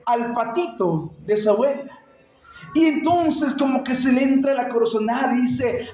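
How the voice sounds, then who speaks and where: A man preaching a sermon, telling a story and then building to shouted, urgent exhortation. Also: very high voice. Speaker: pastor. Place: church sanctuary. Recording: echoey church hall.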